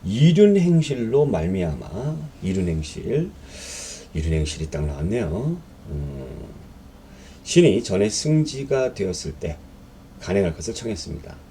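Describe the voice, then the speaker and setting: A man's voice: low-pitched, very animated, a little slow, warm tone, slight background noise. A man teaching a history exam-prep lecture in a conversational way, reading questions aloud and explaining them with fillers and rhetorical questions.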